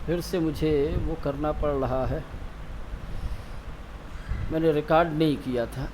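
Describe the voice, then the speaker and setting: A man teaching tajweed in a classroom, asking his students questions and answering them himself, slowing down to repeat key terms. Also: fairly high pitch, steady tone, darkish tone, a little hiss or hum. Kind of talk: classroom lecture.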